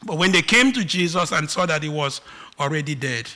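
Animated and brisk, a man from Nigeria preaches in a fairly high voice with a Nigerian accent. The sermon swings from loud emphatic proclamations to quiet asides.

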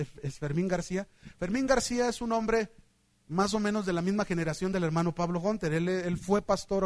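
A man with a Mexican accent preaches a sermon in a high, lively voice. He tells stories and acts out the voices of the people in them, going from loud, excited lines to quiet, hushed ones. The sound is dry and close, with no room echo. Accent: Mexican Spanish. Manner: animated storytelling, acting out voices, swinging from loud to hushed.

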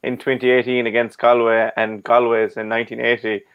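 A man's voice: medium pitch, level tone, brisk, clean tone, highs cut off. An Irish man hosting a conversational sports discussion. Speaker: host.

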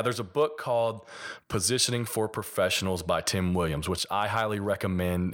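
A man's voice: low-pitched, fairly bright tone. A man with a mild Appalachian accent from Kentucky, hosting a solo podcast and explaining things conversationally with examples. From Kentucky, United States. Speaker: podcast host and sports designer.

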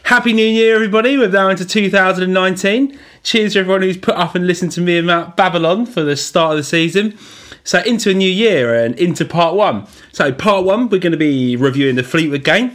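A man co-hosting a casual football podcast, chatty and quick to laugh. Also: high-pitched, fairly bright tone. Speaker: podcast co-host.

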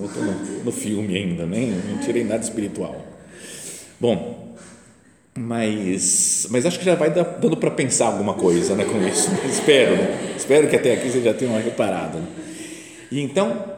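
Mellow man telling a film story. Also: mid-range voice. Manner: animated storyteller, acts out quotes. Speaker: podcast host. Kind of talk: casual film retelling in a meditation talk. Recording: roomy reverberant room.

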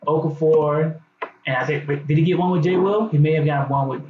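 A man's voice: fairly high pitch, steady tone, fairly quick, a loud crowd. Opinionated American man debating sports, echoey room. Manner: opinionated, informal, slangy. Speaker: sports podcast co-host. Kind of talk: casual barbershop-style sports debate. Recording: echoey, slightly dull, noisy.

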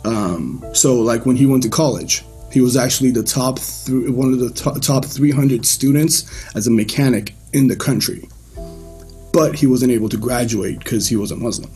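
A man from Iran giving his personal faith testimony to a church group in a casual, loose way, with frequent pauses and restarts. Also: mid-range voice, warm tone, faint music behind.

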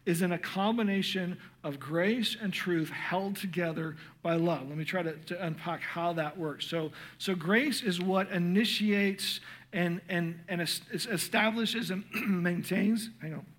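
A middle-aged man teaching parents in an earnest, passionate sermon, stumbling over restarts, his voice growing hoarse. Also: high voice, measured pace. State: losing his voice.

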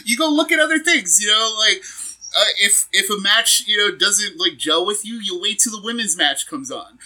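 Man, podcast host, casual chat, laughing, very bright tone, lively pitch. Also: moderate pace, rough recording. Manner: laughs often, loose and rambling.

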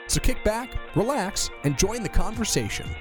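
A man's voice: high-pitched, lively intonation, moderate pace. A man narrating a scripted podcast introduction as an announcer. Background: guitar music.

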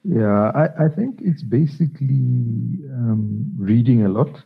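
A man's voice: mid-range voice, slow, vocal fry, husky, faint music behind. A middle-aged man from Zambia, a children's author answering interview questions with many hesitations and restarts. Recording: tinny phone-like line.

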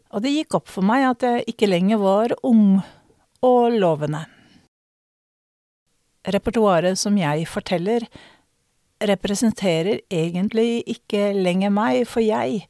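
A middle-aged woman storyteller from Norway with a somewhat low voice. She speaks in a measured, reflective way and stretches some words for effect. The recording is close and dry, with no room sound. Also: darkish tone, no echo. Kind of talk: spoken storytelling performance.

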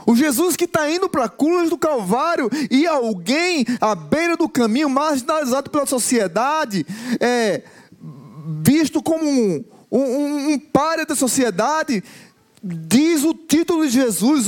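A man preaching a sermon to a congregation, building slow emphatic lists of repeated phrases and sometimes breaking into song. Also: very high voice, expressive.

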